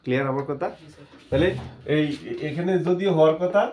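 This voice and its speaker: A man teaches a chemistry class. His voice sits fairly high, and he keeps asking the students questions and answering them himself. Faint noise hums behind him. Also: fairly quick, a little mellow. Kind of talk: classroom lesson.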